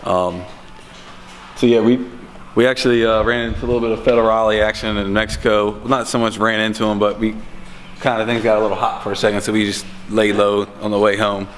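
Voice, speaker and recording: A man with a low voice hosts a car vlog in a relaxed, filler-heavy way. His talk is unhurried and casual, with faint background ambience. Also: a little hiss or hum. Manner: laid-back, filler-heavy. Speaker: vlog host.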